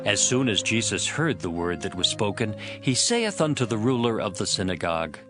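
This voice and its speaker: Loud music runs behind a man narrating scripture in a dramatized, storytelling way. He speaks at a normal pace, fairly low in pitch and very animated.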